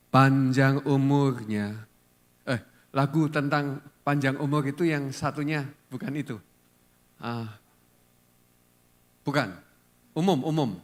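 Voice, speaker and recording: A man's voice: fairly high pitch, a bit bright. A male pastor preaching a conversational sermon to a church congregation, often putting questions to the listeners.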